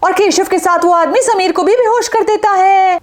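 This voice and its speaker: A woman with a high voice narrating a children's doll story. She moves through the tale in a steady, even storyteller's cadence. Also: moderate pace.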